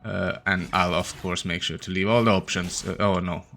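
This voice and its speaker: A man hosting a gaming channel, giving casual, tired, low-energy commentary as he thinks aloud while playing. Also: steady tone, normal speed, gravelly, sharp tone. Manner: opens with a put-on peppy intro voice.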